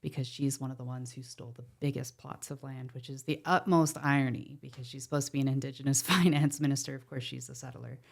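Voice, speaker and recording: A fast-talking Ontario, Canada woman with a bass voice speaks in a steady, slightly mellow tone, creaky and with few pauses. As a podcast guest on a podcast mic, she talks earnestly and passionately about protecting water, with wry asides.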